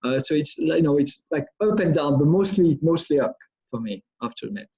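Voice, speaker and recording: A middle-aged French brain engineer answers schoolchildren's questions in a live online Q&A, explaining things and often restarting or repeating phrases. His voice is on the high side, expressive, a little fast, mellow and slightly rough. It comes through a video call with dull, lo-fi audio.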